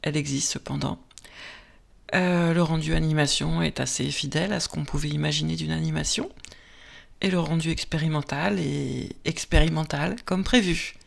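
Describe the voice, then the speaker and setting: A woman narrating a screen-recorded software tutorial, explaining step by step with frequent hesitant filler pauses. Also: sits low, steady tone, vocal fry.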